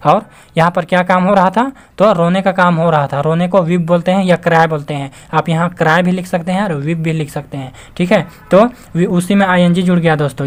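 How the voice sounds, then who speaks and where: A male teacher works through a grammar lesson in a steady, explaining voice. He keeps asking his own questions and answering them, repeating key words, and calls his viewers friends. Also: sits high. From Jharkhand, India. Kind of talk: classroom-style grammar lesson.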